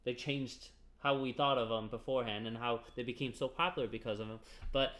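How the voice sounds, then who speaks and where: A man's voice: medium pitch, fairly even intonation, fairly quick, fairly bright tone. A man co-hosting a casual gaming podcast, talking in rambling runs full of fillers and restarts. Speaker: podcast co-host.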